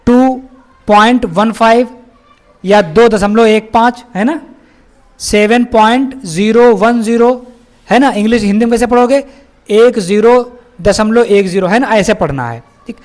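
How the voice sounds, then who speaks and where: A man's voice: high-pitched, unhurried, darkish tone. A male maths teacher explaining a lesson step by step, often asking his pupils questions and calling them child. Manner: asks pupils questions and checks their understanding.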